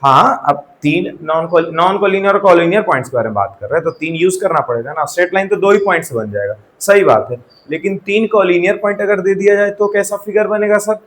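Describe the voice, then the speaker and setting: A man's voice: high voice, fairly quick, few pauses, a bit bright, rough recording. A man teaching a maths lesson in a classroom, often quizzing his students and checking that they follow. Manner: asks the class questions and checks with repeated "theek hai". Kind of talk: classroom lecture.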